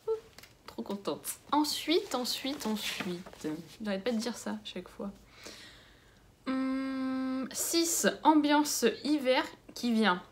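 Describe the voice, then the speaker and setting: A young woman chatting casually as she unboxes a book swap, gushing over each gift and muttering softly to herself in between. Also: high voice, slow pace, a little hiss or hum. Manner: gushing, exclamatory. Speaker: book vlogger.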